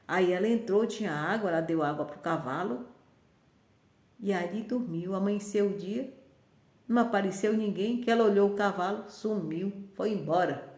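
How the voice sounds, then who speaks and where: A woman's voice: medium pitch, normal speed, a little mellow. A woman casually telling a folk tale in a rambling, conversational way. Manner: rambling, conversational with frequent restarts. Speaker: storyteller. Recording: roomy echo.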